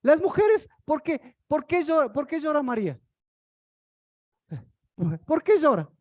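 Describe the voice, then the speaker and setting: A woman's voice: high voice, very animated, a little slow, a little mellow, dry recording, studio quality. A woman preaching a sermon, firing rhetorical questions at the congregation.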